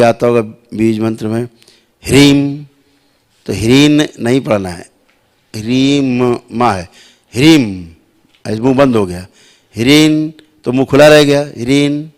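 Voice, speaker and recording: A man teaching devotees slowly, repeating sounds to show the right pronunciation and checking that listeners follow. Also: medium pitch. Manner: asks listeners "है ना" and "समझ रहे हैं आप". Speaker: spiritual teacher. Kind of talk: slow spiritual instruction to devotees.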